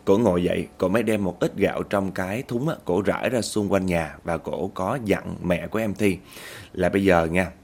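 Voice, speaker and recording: A man telling a horror story to his audience. His voice is fairly low. He talks in a chatty way and keeps turning to his listeners. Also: normal speed, a little mellow, slightly rough. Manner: chatty, often addresses listeners.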